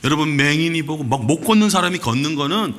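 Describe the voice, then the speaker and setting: A male pastor preaching a sermon in animated storytelling, acting out quoted lines. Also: on the high side, quick pace. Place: church sanctuary.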